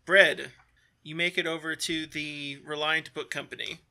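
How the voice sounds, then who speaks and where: Man, game master, descriptive halting narration, bright tone. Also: fairly high pitch, steady tone, creaky. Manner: easygoing, descriptive, filler-heavy narration.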